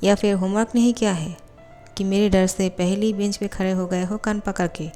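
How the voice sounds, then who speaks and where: A woman's voice: mid-range voice, steady tone, moderate pace, warm tone, long reverb tail, faint music behind, natural voice. A woman voicing a stern college teacher questioning a class, in a storybook reading. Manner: questioning, scolding.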